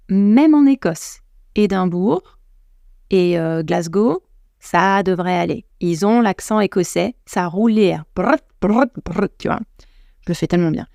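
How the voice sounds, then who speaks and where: Young french woman hosting a podcast, slight vocal fry, dry close mic, chatty. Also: medium pitch, mellow, no echo. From France. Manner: chatty, addresses listener directly, many restarts. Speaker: podcast host, English coach. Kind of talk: casual advice talk.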